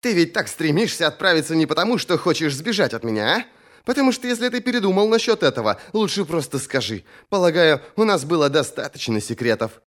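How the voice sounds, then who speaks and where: A fierce young warrior woman with a blunt, mocking tongue, voiced by a male audiobook reader. Her voice sits a little higher than his own and swings with lively pitch. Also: fairly quick. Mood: teasing. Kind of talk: audiobook character voice.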